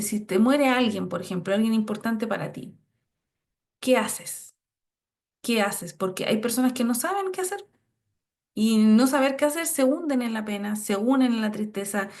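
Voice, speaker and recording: A woman, giving an online psychology lecture in a conversational way and often checking in with her listeners. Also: fairly high pitch. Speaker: course instructor, psychologist.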